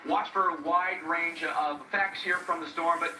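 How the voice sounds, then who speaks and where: A man gives a live field weather report in an emphatic, conversational, explanatory style. He checks in with the listener as he goes. The sound is distant and roomy, with loud noise behind him. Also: a little high, steady tone, moderate pace. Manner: emphatic, conversational, checking in with tags like okay and right. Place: live on location in stormy weather.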